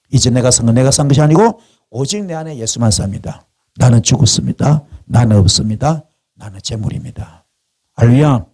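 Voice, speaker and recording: A man from South Korea preaching a fervent sermon as pastor in a prayer house, repeating calls in chant-like runs and rising to sharp climaxes. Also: medium pitch, husky.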